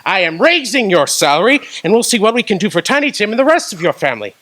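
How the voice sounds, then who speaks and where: An actor playing Ebenezer Scrooge, an old miser turned giddy and joyful, in a radio drama, with an exuberant, laughing, theatrical delivery. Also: male voice, high voice, sing-song, fast, pushed and bright, exaggerated voice. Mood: teasing.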